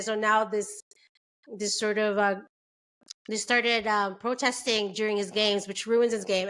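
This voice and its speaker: A woman's voice: mid-range voice, a bit bright. A young adult woman from Canada hosting a casual book club chat, talking loosely with lots of fillers and frequent laughter. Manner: chatty, laughs often, many fillers. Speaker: book club podcast host.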